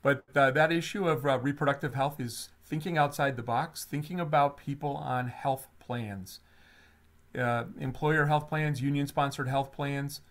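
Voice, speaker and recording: A man co-hosting a workplace health webinar, talking in an animated, conversational way with frequent fillers. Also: medium pitch. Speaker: webinar co-host. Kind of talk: webinar presentation.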